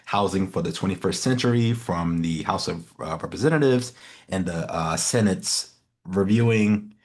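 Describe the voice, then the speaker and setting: A laid-back man co-hosting a podcast with a notably low voice. He chuckles often and talks in loose, hesitant phrases full of fillers as he works through a topic. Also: normal speed. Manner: easygoing, chuckling, hesitant filler-heavy delivery. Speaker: co-host. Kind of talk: casual chat.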